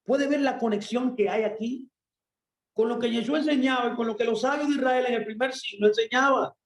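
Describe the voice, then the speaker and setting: High-voiced emphatic male preacher, echoey room. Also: a little fast. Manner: emphatic, asks and answers himself. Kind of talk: sermon.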